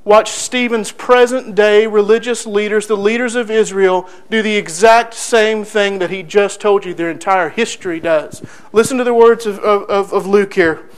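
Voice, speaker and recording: A man preaching a sermon, reading scripture aloud and expounding it with rhetorical questions, moving between loud declaiming and hushed emphasis. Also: high voice, steady tone, moderate pace, few pauses, clean tone, rough recording.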